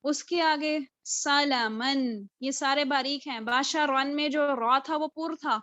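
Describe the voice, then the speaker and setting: A woman teaching Qur'an recitation in a live online class, patiently drilling each letter and spelling words out slowly, syllable by syllable. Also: high-pitched, pushed and bright, dry recording. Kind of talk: live online tajweed lesson. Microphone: video call. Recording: dull lo-fi video call audio.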